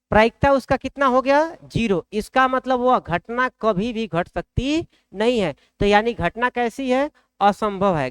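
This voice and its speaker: A man's voice: extremely high pitch, fairly bright tone, clear, resonant tone, no room sound. A man with a Bihari accent teaching a math class in a colloquial way, often asking the class questions. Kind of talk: blackboard lesson.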